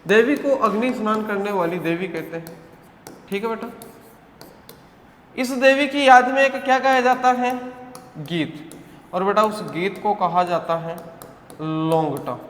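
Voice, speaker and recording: A man's voice: high voice, unhurried, pauses often, a bit bright, a little hiss or hum. A male teacher giving an online coaching lecture, drilling his students with repeated questions and answers and calling them "beta". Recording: echoey hall sound.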